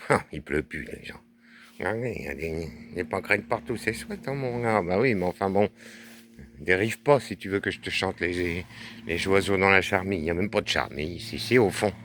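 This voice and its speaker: A man with a deep bass voice chatting in playful, teasing banter, drawling his words and joking with his companion in a garden. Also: brisk, a bit bright, a little hiss or hum. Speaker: puppet-show host. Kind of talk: improvised comic banter. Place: garden outdoors.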